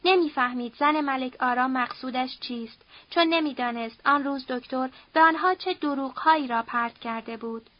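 High-voiced woman narrating a novel. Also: lo-fi sound. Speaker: audiobook narrator. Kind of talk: dramatic novel reading.

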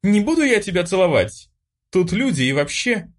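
A man's voice: high-pitched, big pitch swings, normal speed, voice pushed up. Man doing a bratty, touchy teenage girl. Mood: indignant. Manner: indignant outbursts.

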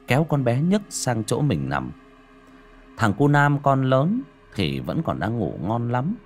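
A man's voice: on the low side, a little mellow, slightly rough. A man narrating a spooky story as an audiobook, dramatic and building suspense.

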